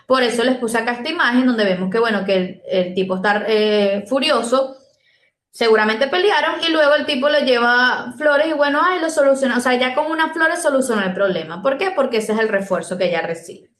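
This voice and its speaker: A woman's voice: on the high side, expressive, fairly bright tone. Venezuelan woman lecturing informally, echoey room. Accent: Venezuelan Caribbean Spanish. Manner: conversational, halting, thinking aloud with repeated words. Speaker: presenter giving an online talk. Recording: echoey, roomy sound.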